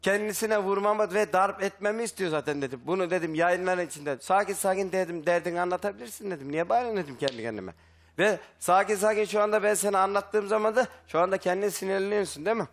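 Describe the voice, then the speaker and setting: A man's voice: sits high, quick pace. A young man, a guest on a live talk show, agitatedly recounting a dispute and quoting himself over and over. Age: young adult. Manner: agitated, retells dialogue with constant "dedim". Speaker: studio guest. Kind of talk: heated live testimony.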